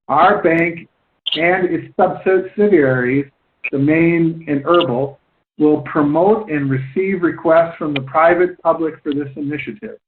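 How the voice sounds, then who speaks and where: Hosting a conference call, a slightly high-voiced man gives long, halting explanations, repeatedly going back to reword what he has said. The line sounds thin and phone-like, with a little hiss or hum.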